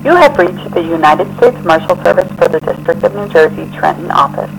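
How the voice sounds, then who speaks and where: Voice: mid-range voice, a little fast, vocal fry, music in the background. A recorded voicemail greeting voice, heard over a phone line, reading a formal office menu. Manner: even, formal announcement delivery.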